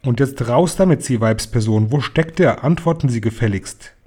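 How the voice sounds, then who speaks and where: A man voicing a blustering, furious middle-aged father who shouts and stammers. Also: mid-range voice, normal speed, slightly rough, natural voice.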